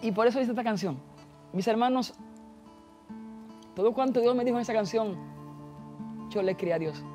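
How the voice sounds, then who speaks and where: High-voiced man giving an earnest testimony. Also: moderate pace, a little mellow, soft background music. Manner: earnest preaching tone, addresses listeners as brothers. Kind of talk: personal faith testimony.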